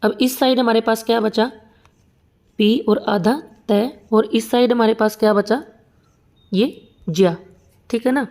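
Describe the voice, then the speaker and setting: A young woman teaches Hindi grammar for exam preparation, walking through each example step by step and checking often that students follow. Her voice sits a little high but sounds soft and mellow rather than bright. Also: steady tone, unhurried, pauses often. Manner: patient, explains step by step with repeated checks. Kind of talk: exam-prep lesson at a whiteboard.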